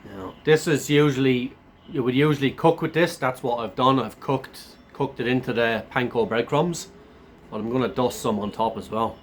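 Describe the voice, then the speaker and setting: A man chatting casually to camera as a food reviewer, laid-back and blokey, his voice thick and hoarse from a sore throat and sounding run down. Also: mid-range voice, moderate pace, a little hiss or hum. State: run down after a chest infection.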